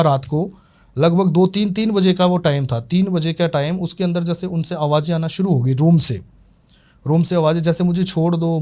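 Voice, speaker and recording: A man's voice: high-pitched, darkish tone. A man with a slightly raised voice tells a long case story in loose, everyday speech. He circles back and repeats himself and leans on fillers as he goes. He talks like a practitioner recounting his own work. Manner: rambling, repetitive retelling with many fillers. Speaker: tantrik guest telling a case. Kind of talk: casual spoken storytelling.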